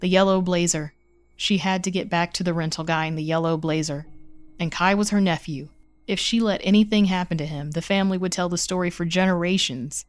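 A woman reading a horror short story aloud with measured, suspenseful narration. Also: on the low side, fairly even intonation, no echo.

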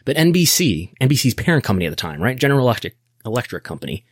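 Husky and medium-pitched, an American podcast host races along in a very animated way. His business commentary is casual and explanatory, wry and nerdy, and he often thinks aloud as he goes.

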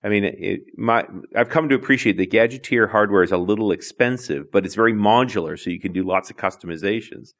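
A man with a fairly low voice co-hosts a technology podcast in an easygoing way. He chats casually, reacts quickly, and laughs easily. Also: a bit bright. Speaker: podcast co-host. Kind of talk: casual chat.

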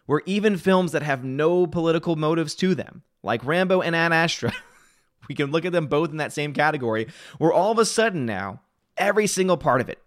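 A man's voice: fairly high pitch, a bit bright, dry recording, clean studio sound. A man hosting a live stream, chatting casually and answering viewers' chat comments. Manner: talks fast, reads and answers chat comments.

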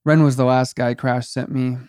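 Goofy eager teen guard, perpetually cheerful and chatty; man narrator voices him, mid-pitched. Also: little pitch movement, normal speed, a little mellow, dry recording, clean studio sound, lightly acted. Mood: exasperated. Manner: cheerful, chatty, endlessly nice. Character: goofy, eager teenage male weed farm guard.

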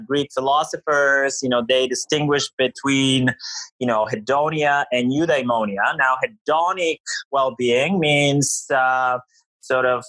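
A man's voice: medium pitch, bright, forceful tone, dry recording, low-quality recording. A man from Bulgaria, a psychologist guest explaining ideas thoughtfully with many fillers. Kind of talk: relaxed interview talk.

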